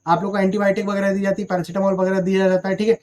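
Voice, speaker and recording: High-voiced man teaching vocabulary. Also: level tone, rapid-fire, darkish tone. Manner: explains with rhetorical questions, says "ठीक है" after almost every line. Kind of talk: recorded vocabulary lesson.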